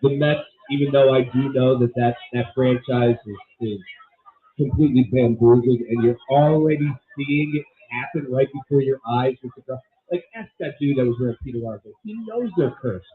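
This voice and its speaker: A man's voice: medium pitch, moderate pace. A man co-hosting a casual sports radio show, giving strong, emphatic opinions. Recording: tinny phone-like radio audio.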